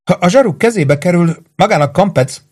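A gruff, practical man helping with a crime in an audiobook thriller, as the male narrator reads him. He speaks in a blunt, matter-of-fact way, a little higher than the reader's plain voice. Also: lively intonation, darkish tone. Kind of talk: audiobook character reading.

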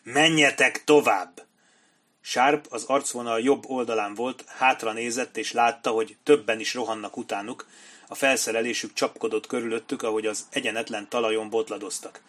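Man, audiobook narrator, scripted war-novel narration, steady measured delivery, mid-range pitch.

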